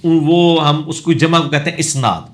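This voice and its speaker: A man with a Punjabi accent, a religious scholar answering questions in a lecture, explaining and correcting word pronunciation with casual asides. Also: a little high.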